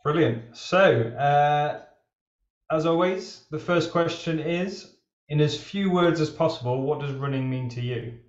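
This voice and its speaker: A man's voice: a little high, unhurried, dry recording, dull audio. Chatty man hosting a running show. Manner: chatty, loose, many fillers. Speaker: running podcast host. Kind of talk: casual interview. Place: outdoors on a wet street, then a home room on a video call.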